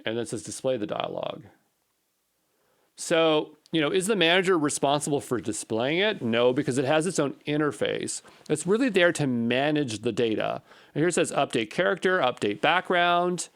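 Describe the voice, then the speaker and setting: Slightly high and a bit bright, this man's animated voice keeps a moderate pace as he codes off the cuff for students. He wonders aloud and questions his own choices as he goes.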